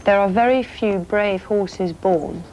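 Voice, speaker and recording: A woman's voice: mid-range voice, slow pace, darkish tone, lo-fi sound, slight background noise. A woman, an event rider speaking candidly and self-deprecatingly in a documentary interview.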